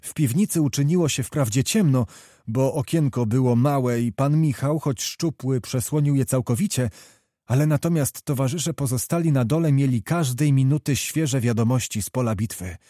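A man reading a historical novel aloud in a measured, even way. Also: medium pitch, dry recording, studio quality. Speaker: audiobook narrator. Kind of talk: scripted narration of a historical novel.

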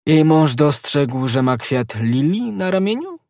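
A man voicing a boisterous, simple-minded musketeer in an audiobook, loud and exclaiming in a high voice. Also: very animated, fairly quick, slightly rough, no echo, clean studio sound, full character voice. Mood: astonished.

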